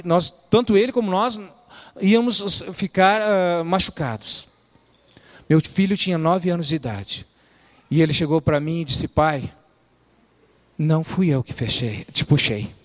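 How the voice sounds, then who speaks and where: A middle-aged man preaching in a church, telling lively stories, quoting people and quizzing his listeners. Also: a little high. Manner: lively storyteller, quotes people and quizzes the audience. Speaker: church speaker. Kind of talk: storytelling sermon. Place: church hall.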